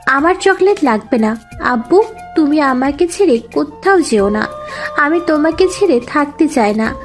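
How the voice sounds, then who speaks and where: A woman's voice: high-pitched, animated, unhurried, faint music behind, voice pushed up. A woman voicing a small girl who pleads tearfully with her father in an audio drama.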